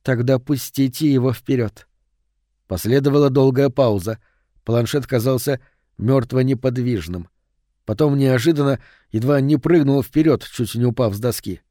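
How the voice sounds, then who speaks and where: A man reading a novel aloud as narrator in a steady, measured way. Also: mid-range voice, no echo, clean studio sound. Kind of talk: audiobook reading.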